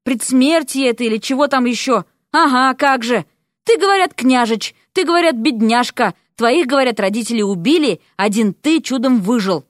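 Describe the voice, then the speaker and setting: A woman's voice: a little high, moderate pace, dry recording, clean studio sound, lightly acted. A woman voicing a young man, a reluctant prince who is weary and evasive, pleading and rambling as he explains.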